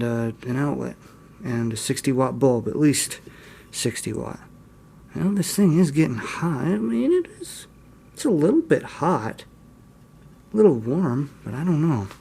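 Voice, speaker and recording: His mid-range voice has vocal fry and a slightly rough edge, and he keeps a measured pace. A hobbyist video host, he gives a hands-on demonstration informally, rambling a bit and belittling himself with humor. Expect steady mains hum, room noise, electrical hum, and faint static.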